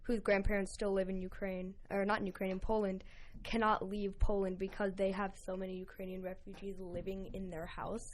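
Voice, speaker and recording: An earnest teenage girl speaks as a guest on a student podcast. Her mid-pitched voice stresses her points as she talks. A faint hiss runs under the recording. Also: flat delivery, a little fast. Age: teens. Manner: earnest, emphatic storytelling. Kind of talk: casual chat.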